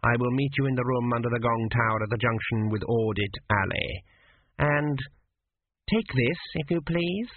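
A man's voice: medium pitch, normal speed, no room sound, close to an everyday voice. A man voicing a stern old male assassin examiner who snaps curt, cold questions. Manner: curt, snapping, icy. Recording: tinny phone-like sound.

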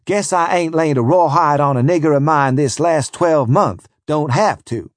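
A man's voice: fairly high pitch, normal speed, no room sound, pitched above the performer's own voice, close to an everyday voice. Man doing a bragging trader. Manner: blunt, bragging, folksy. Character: hard-bitten Southern slave trader, proud man.

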